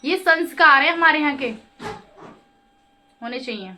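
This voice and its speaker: Woman vlogger, casual chatty talk, addresses viewers, rural dialect with English words, sharp voice, faint background noise. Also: high-pitched, animated, measured pace. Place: home and village temple feast.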